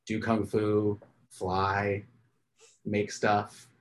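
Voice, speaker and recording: A man's voice: lowish voice, extremely slow. A man, a podcast co-host, chatting casually and telling stories animatedly, laughing often. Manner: animated storyteller, laughs often, acts out his kids' voices. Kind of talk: casual chat.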